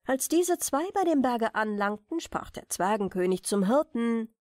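A woman storyteller narrating a German fairy tale in a measured, expressive bedtime manner. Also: on the high side, dry recording, clean studio sound.

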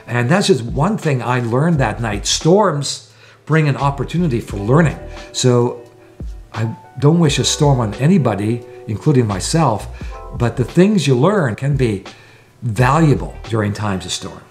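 A man's voice: mid-range voice, lively intonation, measured pace, a little mellow, soft background music. A man in his sixties talking to camera from a small room at home, explaining things earnestly point by point as a sailing vlogger. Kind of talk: to-camera vlog talk.

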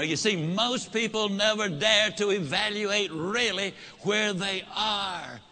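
In a motivational talk, a man with a high, sharp voice tells a story, performing both sides of a conversation himself.

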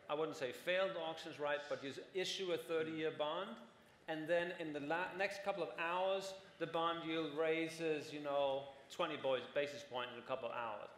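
With a fairly bright voice on the high side, a man in his forties speaks as a conference panelist, explaining at length and often checking in with "right?" He's on stage in a large conference hall. The roomy hall produces long reverb, and slight background noise runs underneath.

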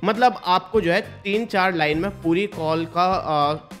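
An Indian man in his 20s hosts a tech explainer video from a small indoor studio, talking slowly in a high, slightly bright voice into a desk mic placed close in front of him. He addresses viewers informally and conversationally, repeating points for emphasis, with faint music in the background.

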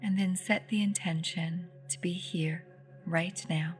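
A woman with a fairly low, steady voice guides a meditation softly and soothingly. She goes slowly, with long pauses and phrases trailing into breathiness, while singing bowl music plays clearly behind her.

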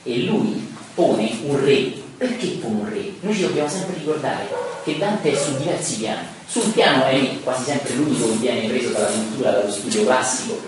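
A man giving a live lecture on poetry, with rhetorical asides and verses read slowly and with emphasis. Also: medium pitch, animated, crowd noise. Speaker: lecturer on Dante. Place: lecture room, recorded from afar. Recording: very echoey room, distant mic, faint hiss.

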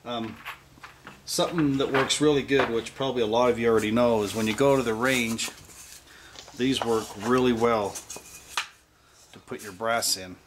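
At his bench, a hobbyist reloader talks through a hands-on how-to in a medium-pitched voice at moderate pace, with long pauses and a noisy background. He is plainspoken and rambling, interrupting himself and hiccupping along the way.

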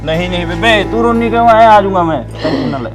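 An actor playing a young Punjabi man who quickly soothes his crying mother and grandmother before going abroad, with music under the dialogue. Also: high voice, natural voice. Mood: reassuring.

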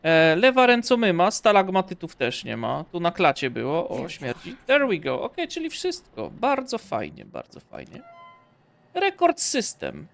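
Talking playfully to both the game and a corpse, a young man streams a jokey let's-play. He has a smooth, fairly bright voice that sits on the high side.

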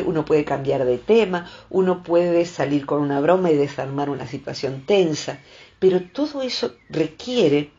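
A woman's voice: fairly low pitch, dull audio. A woman psychologist with a Rioplatense Spanish accent gives reflective advice, acting out the voices she quotes. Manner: expressive, acts out quoted voices. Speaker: psychologist and columnist.

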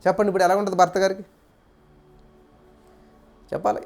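Guy preaching, high pitched, keeps hammering the same phrases over and over. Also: little pitch movement, fast talker, vocal fry, a little mellow, soft background music. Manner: repetitive, emphatic phrasing. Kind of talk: sermon storytelling.

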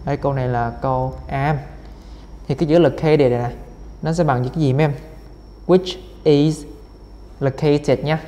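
A man's voice: on the high side, steady tone, moderate pace, long pauses, dark tone. Man teaching an exam lesson in a reverberant room. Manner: repeats words many times, with fillers. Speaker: English teacher. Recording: reverberant room, faint noise.

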